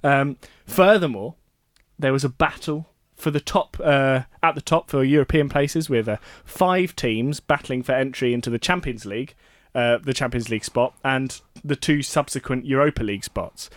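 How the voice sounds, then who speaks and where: A man's voice: mid-range voice, normal speed, no room sound, studio quality. Chatty male sports radio host. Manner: chatty, laughs often, self-correcting. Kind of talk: casual radio chat.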